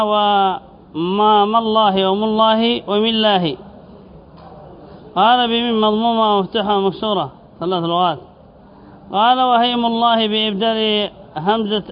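Male sheikh, high voice, methodical text commentary lesson, dull lo-fi recording. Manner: reads text aloud then explains, repeating word forms slowly; asks students questions. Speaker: sheikh teaching Arabic grammar and rhetoric. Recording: dull lo-fi lecture recording with faint hiss.

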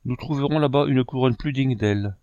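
A man's voice: mid-range voice, brisk, warm tone, dry recording, muffled recording, pitched above the performer's own voice, close to an everyday voice. A man reading an audiobook, voicing a grieving young man who is tender and resolute and speaks earnestly. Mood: firm.

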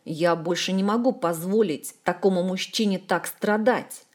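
A woman voicing a lovestruck, green-skinned nonhuman male fiancé who declaims loudly and pathetically in an audiobook. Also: deep voice, measured pace, pitched below the performer's own voice. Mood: exalted. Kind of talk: audiobook character voice.

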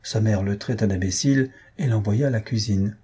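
A man narrating a comic story for an audiobook, steady and even. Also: on the low side, normal speed, husky.

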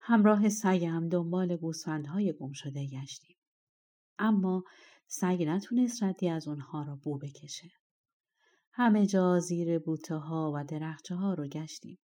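A woman narrating a fairy tale audiobook with a measured, expressive reading. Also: on the low side, muffled recording. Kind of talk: storytelling narration.

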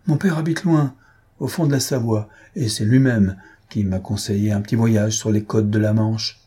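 A man voicing a clever, polite teenage schoolboy in an audiobook, speaking softly and courteously. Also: lowish voice, fairly even intonation, normal speed, slightly rough. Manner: soft-spoken, infinitely polite. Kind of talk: audiobook character reading.

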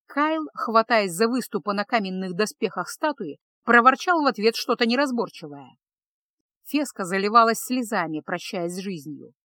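A woman narrating a fantasy story in a steady, measured reading voice. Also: mid-range voice, no echo. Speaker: audiobook narrator.

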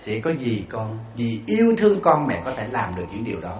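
A man's voice: medium pitch, fairly quick, slight background noise. A man giving a storytelling dharma talk as a Buddhist monk, putting rhetorical questions to his audience. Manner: animated, acts out quoted voices. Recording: roomy, slightly dull hall recording.

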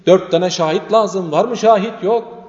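A man's voice: sits high, normal speed, darkish tone, pitched above the performer's own voice, close to an everyday voice. Stern old male judge, voiced by a man, brusque, dismissive, echoey lo-fi sound. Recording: echoey reverberant lo-fi room sound.

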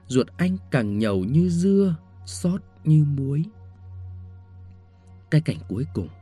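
Male audiobook narrator: lively, melodic delivery, warm mellow tone, faint music underneath. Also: fairly high pitch. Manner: expressive storytelling, shifting tone with the scene. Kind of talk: scripted story narration.

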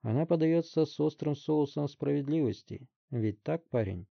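A man voicing a calm, stern middle-aged police detective who speaks in a measured, drawling way. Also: a little high, vocal fry, no room sound, lo-fi sound, pitched above the performer's own voice.

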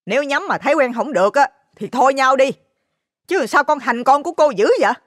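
A woman's voice: sits high, animated, brisk, no echo, clean studio sound. Woman voicing a stern, indignant older mother. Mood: reproachful. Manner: scolding, indignant.

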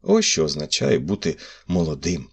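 A man voicing a fussy, sentimental older examining magistrate with a husky voice and an officious manner. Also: low-pitched, huge pitch swings, normal speed, exaggerated voice. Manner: indignant, then indulgent.

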